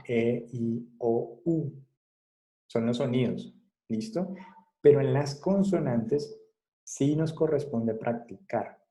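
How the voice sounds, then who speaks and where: A man giving an online class lecture over a video call. He talks haltingly, with many fillers and restarts, and often checks in with short questions. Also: medium pitch, mellow, rough recording. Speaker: psychology lecturer.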